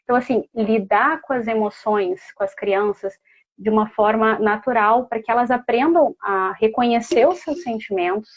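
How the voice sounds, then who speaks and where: A woman's voice: fairly high pitch, normal speed, dull audio. A mother speaking as a guest, telling a personal story in a heartfelt, casual way with many fillers.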